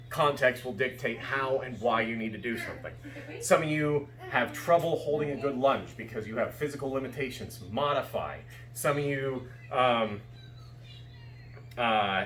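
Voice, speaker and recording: A man with a mid-range, slightly bright voice gives casual, explanatory fencing instruction, often checking that his students are following. The room is echoey, with background noise.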